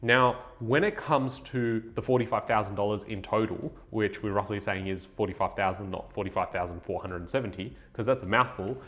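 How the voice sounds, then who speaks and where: A man's voice: on the low side, a bit bright. Upbeat man explaining property costs. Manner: upbeat, salesy, addresses viewers as guys. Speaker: buyer's agent and channel host. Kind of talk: direct-to-camera finance explainer.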